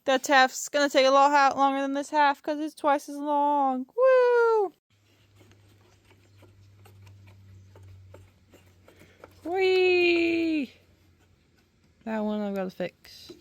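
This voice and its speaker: A fairly high-pitched woman talks through a hands-on repair in a relaxed, chatty way, now and then apologizing as she fumbles one-handed. Her voice sits close and dry on a phone mic, with no room echo. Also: normal speed, few pauses. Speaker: antique restorer. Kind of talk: casual hands-on repair vlog. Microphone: phone held in one hand.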